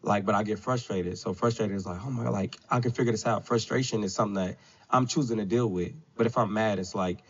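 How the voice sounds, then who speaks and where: Low-voiced man in rambling casual talk. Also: fast talker, slightly rough. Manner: loose and rambling, with frequent "you know what I'm saying". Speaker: podcast guest. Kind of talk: casual conversation. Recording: dull lo-fi sound.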